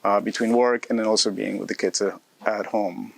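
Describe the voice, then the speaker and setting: A man's voice: on the low side, little pitch movement, a little fast, vocal fry, no room sound. A man from Ecuador in his thirties, a postdoctoral researcher answering interview questions in a friendly way with many fillers and restarts. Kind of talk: casual interview.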